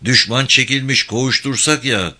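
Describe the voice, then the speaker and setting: A man's voice: mid-range voice, moderate pace, pushed and bright. A man voicing a restless, impatient foot soldier who speaks bluntly.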